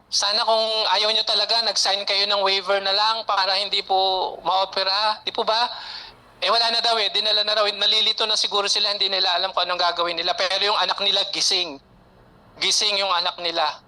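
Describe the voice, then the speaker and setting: Man, high voice, very bright tone, earnest testimony storytelling. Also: rough recording. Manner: earnest, emotional retelling with quoted dialogue. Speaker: testimonial speaker.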